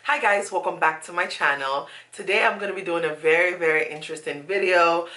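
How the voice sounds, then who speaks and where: A woman's voice: on the low side, fairly quick, sharp tone, a little hiss or hum. A young woman giving a casual, chatty beauty tutorial to camera, emphatic and fond of repeating words. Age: young adult. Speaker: beauty vlogger. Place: small indoor room at home.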